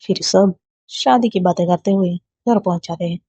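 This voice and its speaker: A woman narrating a romance story in a plain, steady reading voice. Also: on the low side, moderate pace, breathy edge, no echo. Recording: dull lo-fi dry recording.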